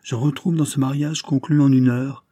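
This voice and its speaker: A man narrating a classic novel in a measured, dramatic reading. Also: mid-range voice, fairly even intonation, mellow. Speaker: audiobook narrator.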